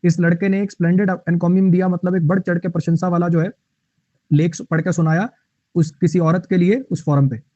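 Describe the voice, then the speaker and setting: Brief: male vocabulary teacher, high voice, dry lo-fi sound, repeats explanations. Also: fairly even intonation, a little fast, mellow, dry recording. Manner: explains English words in Hindi, repeats lines, chats with viewers. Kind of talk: online class lecture.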